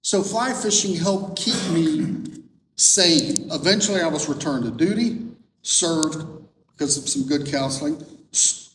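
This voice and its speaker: A middle-aged man gives a storytelling talk as an author, acting out the people he quotes. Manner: lively storyteller who acts out quoted dialogue. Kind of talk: storytelling presentation. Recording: roomy hall echo, distant mic, faint rumble.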